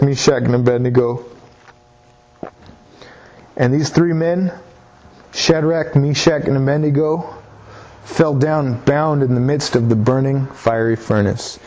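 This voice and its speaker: In a slightly dull lo-fi recording, a man with a mellow, medium-pitched voice gives a sermon. He reads scripture, explains it, and earnestly exhorts his audience, often repeating himself.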